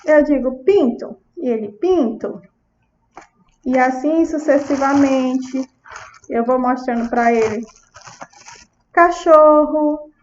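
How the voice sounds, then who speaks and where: High-voiced Brazilian woman teaching. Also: fairly even intonation, measured pace, darkish tone, dull audio, slight background noise. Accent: Brazilian Portuguese. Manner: demonstrates sounds and words to a child; checks in with the audience often. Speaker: speech therapist lecturer. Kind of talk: lecture with demonstrations.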